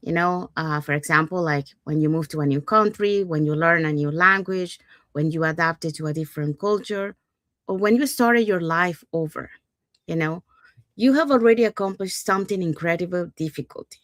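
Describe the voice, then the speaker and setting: An upbeat woman from Panama hosts a live panel discussion over a video call, with a lowish voice. She moves things along with easy connecting fillers. The sound is dry and close, with no room around it. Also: normal speed, a bit bright, dry recording. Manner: upbeat, leans on "so" and "you know". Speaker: host. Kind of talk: live panel talk show hosting.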